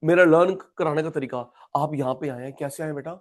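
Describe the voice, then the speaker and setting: Brisk and a little high, a male economics teacher lectures his class, repeating himself conversationally and addressing students by name.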